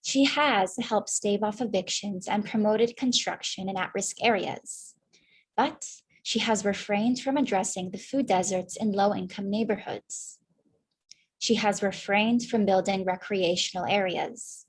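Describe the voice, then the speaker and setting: A woman's voice: mid-range voice, measured pace, breathy edge. A young woman playing a news anchor in a staged newscast, formal delivery.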